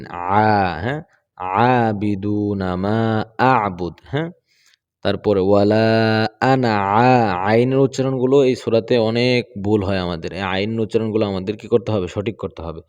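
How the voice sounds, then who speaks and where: Low, mellow-voiced man teaching recitation. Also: brisk. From Bangladesh. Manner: patient, corrects pronunciation step by step, checks in with "right?". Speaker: Quran teacher.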